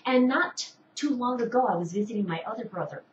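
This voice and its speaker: A middle-aged woman from Indiana, with a slightly high, expressive, brisk voice and a faint hiss or hum, hosts an online show and rambles through casual personal stories, restarting often and circling back with frequent asides. She sits well back from the mic in an echoey room, so this distant home recording sounds dull and muffled.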